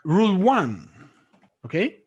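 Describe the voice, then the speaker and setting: A man's voice: high voice, wildly swooping pitch, slow, a little mellow, breathy edge, highs cut off. A man teaching an English pronunciation lesson over a video call, checking often that his student follows. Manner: checks understanding often with "okay?". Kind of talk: online tutoring lesson.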